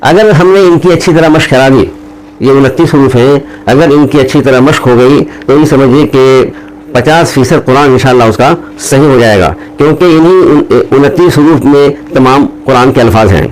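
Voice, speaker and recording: A man teaching how to pronounce Arabic letters, drawing out each letter slowly between explanations. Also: mid-range voice, a little mellow, slight background noise, rough recording. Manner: slow, drawn-out letter recitation between explanations. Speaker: Quran teacher. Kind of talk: recorded teaching lesson.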